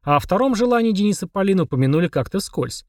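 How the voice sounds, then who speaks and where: A man narrating an audiobook in an even storytelling manner. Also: high-pitched, quick pace, no room sound, studio quality.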